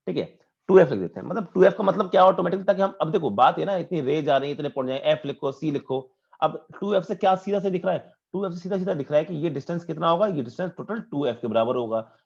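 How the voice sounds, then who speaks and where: A man's voice: a little high, lively intonation, quick pace, gravelly, a little mellow, breathy edge, muffled recording. A man teaching a physics class online, asking questions and answering them himself and repeating key points for emphasis. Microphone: video call.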